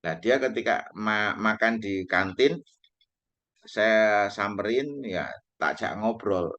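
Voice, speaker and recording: A man teaching an online English class, explaining slowly and stressing the English phrases he quotes. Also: fairly low pitch, a bit bright, highs cut off. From Indonesia.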